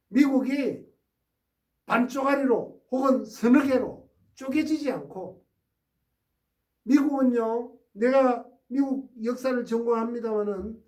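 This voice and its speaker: Male history lecturer, emphatic and questioning; high-pitched and mellow, heard from a distance. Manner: emphatic, prods listeners with rhetorical "eh?". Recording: roomy sound from a distant mic.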